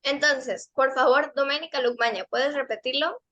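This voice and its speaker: A woman teaching a pronunciation lesson to kids and teens, her voice high and notably bright. She explains patiently, step by step, and repeats each model word several times. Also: moderate pace, muffled recording. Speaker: English teacher.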